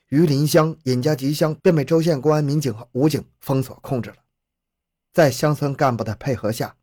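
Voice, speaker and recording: A man reading a true-crime story as narrator in a steady storytelling delivery. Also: mid-range voice, slightly rough, no room sound, studio quality.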